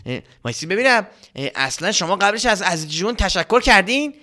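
A man's voice: high-pitched, big pitch swings, pushed and bright, voice pushed up, exaggerated voice. A man voicing a worried young girl who stammers and pleads with everyone in a children's story. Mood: stammering.

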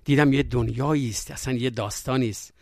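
A man with a Yazdi accent who tells stories and speaks reflectively, pausing on fillers between his anecdotes. His voice sits at an ordinary male pitch and comes across dry and close, with no room sound. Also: fairly even intonation, no room sound. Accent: Yazdi Persian. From Yazd, Iran. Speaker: storyteller guest. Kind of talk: interview conversation.

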